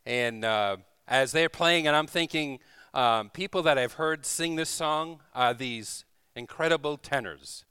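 Here a man preaches informally to a congregation as a visiting church leader, folksy and chatty, reading scripture, praying, and checking in with tag questions. His mid-range voice runs a little slow and sounds sharp yet smooth, captured with clean studio sound and no echo.

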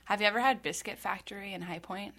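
A woman's voice: medium pitch, fast, fairly bright tone. A woman from North Carolina in casual conversation, talking thoughtfully with many fillers and restarts. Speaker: conversation partner. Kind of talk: casual chat.

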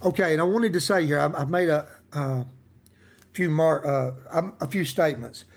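A man's voice: a little high, normal speed, creaky. A middle-aged man preaching a casual daily devotional in a folksy, emphatic way, with laughs and asides to his listeners. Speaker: pastor giving a daily devotional.

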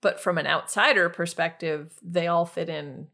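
A woman's voice: lowish voice, normal speed, gravelly. A woman in her thirties co-hosting a podcast in casual chat, telling stories and acting out quotes. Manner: animated storyteller, acts out quotes with big shouts. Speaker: podcast co-host.

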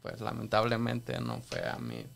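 A man with a gravelly edge to his voice tells his story on a church podcast. He speaks haltingly and earnestly, restarting his sentences often. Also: fairly low pitch, sing-song. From El Salvador. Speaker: podcast guest sharing testimony. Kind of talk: casual church podcast talk.

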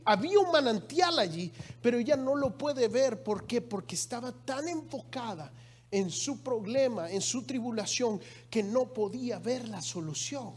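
A man's voice: extremely high pitch, slightly rough. A middle-aged male pastor giving a conversational sermon with emphatic rises in his voice.

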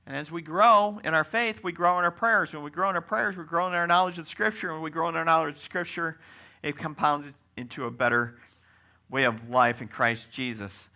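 A man's voice: a little high, fairly quick, gravelly, sharp tone. A man preaching a conversational sermon in a folksy way, often checking in with the congregation by asking "right?".

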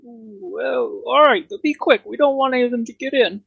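A man voicing a dim-witted, whiny town guard in a tabletop fantasy game, with drawn-out exclamations. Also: very high voice, creaky, husky, no room sound, dull audio, voice pushed up, exaggerated voice. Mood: wary, grudging.

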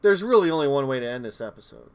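A man's voice: medium pitch, expressive, very fast, clean tone. A man co-hosting a podcast in casual chat, enthusiastic and laughing often. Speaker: podcast co-host.

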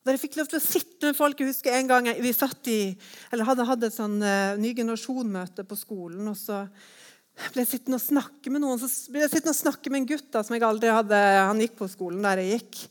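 A woman giving a personal testimony, telling her story in a lively way and acting out her own thoughts as quotes. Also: a little high.

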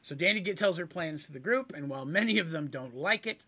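Lively man narrating a fantasy tale. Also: a little high, fast talker. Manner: lively, rambling, casual. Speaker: storyteller. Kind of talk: fantasy game storytelling narration.

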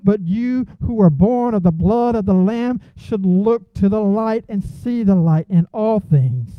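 Man preaching a sermon, high voice, earnest, sounds like a tinny phone line. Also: expressive, measured pace, no room sound. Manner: earnest, prayerful, rising to emphatic peaks.

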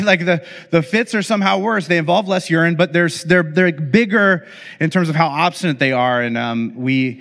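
A man's voice: a little high, a bit bright. A middle-aged man, a pastor, telling a funny family story in a sermon, talking casually with many fillers and restarts. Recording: long hall reverb.

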